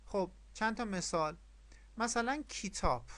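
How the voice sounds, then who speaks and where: A man's voice: high-pitched, expressive, a bit bright. A man teaching a language lesson online, explaining rules step by step, repeating them and asking questions. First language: Persian.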